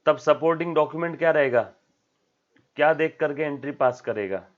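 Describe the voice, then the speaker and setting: A man delivers a classroom accounting lecture in a fairly high voice. He keeps checking in with his students and repeats the key terms. The recording sounds dull and lo-fi. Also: fairly quick. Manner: acts out dialogues in a raised voice, asks students questions; code-mixes English terms, repeats key words. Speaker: commerce teacher.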